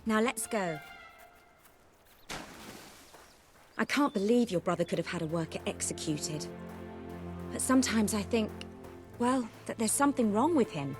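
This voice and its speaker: An actress as a gentle, worried noblewoman. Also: medium pitch, animated, moderate pace, close to an everyday voice. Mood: troubled. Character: caring, worried young noblewoman, confidante to a prince. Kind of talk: video game voice acting. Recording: clear background music.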